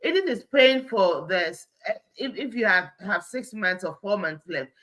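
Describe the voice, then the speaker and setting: A woman talks over a video call link as a guest on a web talk show. Her voice is bright and sharp, and her pitch moves around a lot as she lays out her point. She walks through every example step by step. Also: animated, normal speed. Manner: explains with step-by-step worked examples. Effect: heard over a video call. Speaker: guest speaker. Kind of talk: casual chat on a web show.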